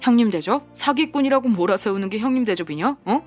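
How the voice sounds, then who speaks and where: A woman voicing a big, burly off-duty male police officer in an audio drama, speaking calmly and coldly with sarcastic questions. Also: on the high side, fast talker, faint music behind. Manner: calm, cold, sarcastic questions.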